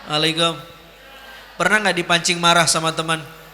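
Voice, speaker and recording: A man preaching a lively sermon to a live audience, teasing them with jokes and quizzing them with questions. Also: fairly high pitch, moderate pace, a little hiss or hum. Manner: jokey and teasing, quizzing the crowd. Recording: long hall reverb.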